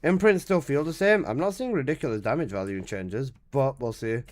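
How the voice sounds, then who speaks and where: Reading viewers' chat messages aloud, a man in his twenties talks casually on a live game stream at a medium pitch and a slightly quick pace. He complains loudly and swears in an offhand way.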